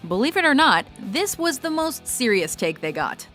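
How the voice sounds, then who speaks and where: A woman narrates a scripted countdown in a bright, forceful voice that sits on the high side. Her pitch moves in lively swings, and music plays softly behind her. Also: moderate pace. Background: music bed.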